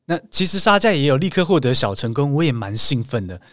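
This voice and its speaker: A man's voice: mid-range voice, big pitch swings, fast talker, a bit bright, dry recording, clean studio sound. A man hosting a podcast English lesson, telling a travel story in a playful, teasing way. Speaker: podcast host and English speaking coach.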